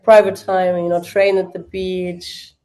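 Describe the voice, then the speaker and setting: A young German woman hosts a live watch party, chatting with her viewers in a relaxed, rambling way. Her fairly low voice moves at a measured pace, her English has a clear German accent, and she relies heavily on fillers while answering.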